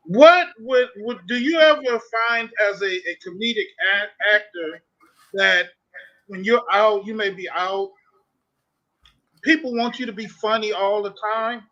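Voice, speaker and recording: A man's voice: sits high, a little slow, sharp tone. A male talk show host asking long, winding questions in an interview. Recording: dull lo-fi sound.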